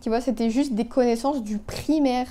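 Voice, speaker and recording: A woman's voice: on the high side, moderate pace, warm tone. A young woman in her twenties chatting casually while doing her makeup, talkative and full of fillers and asides. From Canada. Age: 20s. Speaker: beauty vlogger. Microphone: phone.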